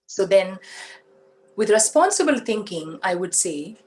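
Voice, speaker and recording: A woman with an Indian English accent giving a spiritual talk, explaining slowly with everyday examples and asking the audience questions. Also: medium pitch, very animated, darkish tone, a little hiss or hum, rough recording. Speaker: spiritual teacher.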